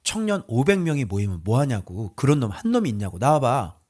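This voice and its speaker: Preaching fast in a sing-song voice, a male pastor gives a sermon that's colloquial and emphatic. He keeps asking his audience rhetorical questions and veers between loud outbursts and quiet mutters.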